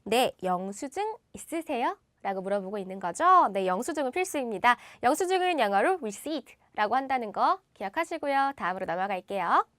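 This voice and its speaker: A woman teaching English phrases in a scripted lesson, reading the English examples slowly and brightly and explaining them in quicker Korean, recorded close in a studio booth. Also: on the high side, very animated, no room sound.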